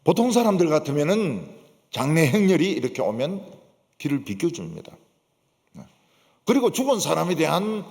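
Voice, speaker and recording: A man's voice: fairly high pitch, darkish tone. A male pastor with a Gyeongsang accent preaching in a church, emphatic and full of rhetorical questions and affirming asides. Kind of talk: sermon. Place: church sanctuary. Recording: long church reverb.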